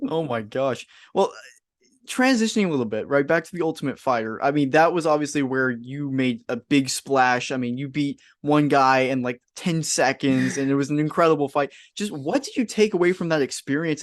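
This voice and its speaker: A man's voice: mid-range voice, dry recording, clean studio sound. A man co-hosting an interview podcast, affirming his guest and asking casual questions. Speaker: podcast co-host.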